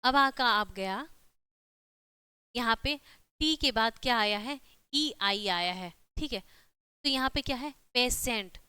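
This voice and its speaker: A woman's voice: fairly high pitch, expressive, takes it slowly, long pauses, bright, forceful tone, clean tone, no echo. A woman teaching an online exam-prep lesson, explaining step by step with frequent rhetorical questions and repeated check-ins.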